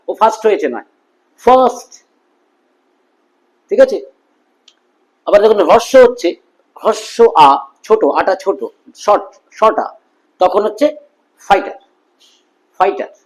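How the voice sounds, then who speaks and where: Teacher: middle-aged man, Bengali accent, higher voice, drills words one by one. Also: rough recording. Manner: repeats words slowly, drilling pronunciation. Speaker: English pronunciation teacher. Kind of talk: classroom-style spoken lesson.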